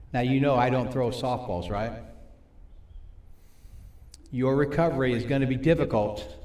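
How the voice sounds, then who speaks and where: A man teaching a live faith-based recovery group on stage, folksy, repeating points slowly for his audience. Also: mid-range voice, a little mellow, roomy sound. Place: church meeting room with audience and monitors.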